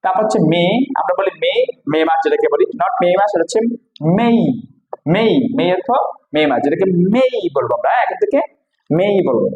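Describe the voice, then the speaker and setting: A man's voice: high voice, animated, racing, a little mellow, roomy sound, lo-fi sound. A man giving a pronunciation lesson, repeating each word over and over and asking and answering his own questions. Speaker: English teacher.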